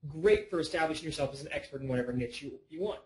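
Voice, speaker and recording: A man's voice: on the high side, racing, rough recording. A man presenting a casual online lesson, chatty and rambling, often breaking off on side notes. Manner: rambling, chatty, self-interrupting.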